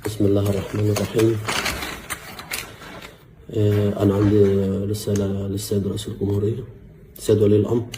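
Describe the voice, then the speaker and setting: An earnest man with an Egyptian Arabic accent speaks in a deep, very dark and mellow voice. He halts often and repeats his words, keeping a grave tone with religious language. Faint noise sits behind him. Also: level tone. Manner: earnest and halting, with frequent hesitations and repeated words. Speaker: former security officer making a public statement. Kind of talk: personal video statement.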